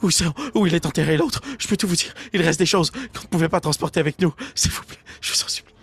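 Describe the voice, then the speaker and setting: A man's voice: quick pace, a bit bright, breathy edge. A man voicing a terrified old man who begs desperately for his life, in a tabletop game. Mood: desperate begging. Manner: begging, sobbing, high and breaking.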